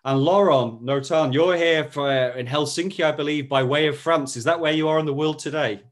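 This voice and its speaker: A man hosting a business podcast, reading an upbeat intro and then leading the interview with lively, promotional enthusiasm. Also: on the high side, a little fast. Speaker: podcast host.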